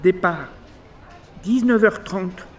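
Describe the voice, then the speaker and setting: A man's voice: high-pitched, takes it slowly. A man reading scripted airport announcements in a formal, segmented, phrase-by-phrase delivery.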